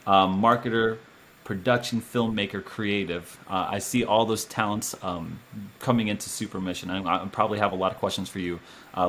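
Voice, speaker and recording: A man's voice: fairly low pitch, slight background noise. A young man hosting a casual interview from a small room at home, talking animatedly into the camera. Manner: animated, gestures a lot, speaks to camera. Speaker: host.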